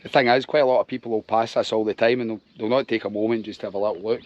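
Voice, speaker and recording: A man's voice: on the low side, steady tone, rapid-fire, muffled recording. A man chatting casually through a travel vlog outdoors, self-deprecating and a little out of breath. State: slightly out of breath. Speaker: cycling vlogger. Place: outdoors, on a ferry and cycling roads. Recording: outdoor wind noise on the mic.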